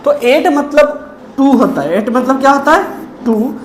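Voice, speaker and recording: A woman teaching a grammar lesson, who poses questions and answers them herself and repeats key terms slowly. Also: sits high, animated, reverberant, slight background noise.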